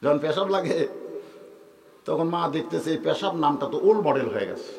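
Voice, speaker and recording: Animated high-voiced man preaching a sermon. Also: fairly quick, creaky. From Bangladesh. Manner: animated storytelling, acting out characters with swings of pitch and loudness; joking, draws laughs.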